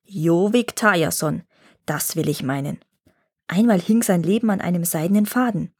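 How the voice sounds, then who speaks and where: A woman voicing a wise old grandfather gnome who tells old tales in a calm, measured way, reading a fairy tale aloud. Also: on the low side, husky. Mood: telling. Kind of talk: storybook reading.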